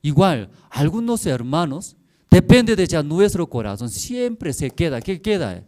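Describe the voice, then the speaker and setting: A man preaching a Sunday sermon as pastor, in simple, halting Spanish with broken grammar, acting out the voices he quotes. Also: on the high side, sing-song. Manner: acts out quoted voices, rising and falling in loudness. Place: church service, streamed online.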